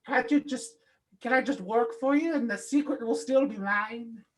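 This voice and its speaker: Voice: mid-range voice, moderate pace, close to an everyday voice. A performer doing a spry old leprechaun stew cook. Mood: pleading. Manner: folksy old-timey talk with a lilt.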